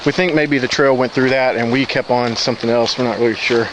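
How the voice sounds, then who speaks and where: A man's voice: medium pitch, fairly even intonation. A man giving casual, unscripted narration as a hiking vlogger, recorded outdoors on a trail. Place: outdoors on a rocky riverside woodland trail. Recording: outdoor noise, rushing stream. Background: stream and natural ambience.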